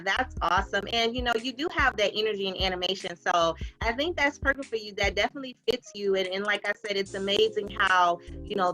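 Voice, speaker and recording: Bright-voiced woman interview host. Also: medium pitch, rough recording. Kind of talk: casual interview talk.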